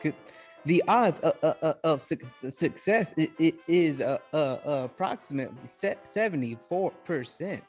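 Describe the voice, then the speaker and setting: Guy doing a jittery butler robot, stutters and glitches on every word start, bit high, super polite. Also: expressive, normal speed, a little mellow, slightly rough, soft background music. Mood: glitchy, nervous. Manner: stammers and glitches on word starts, calls people mister. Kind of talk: playing a character in a tabletop game.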